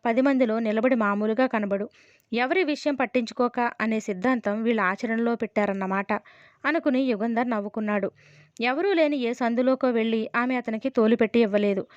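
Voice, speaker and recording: A woman reading a suspense novel aloud as an audiobook narrator, in a steady storytelling manner and lightly voicing the dialogue. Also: fairly high pitch, no room sound. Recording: dull, dry close recording.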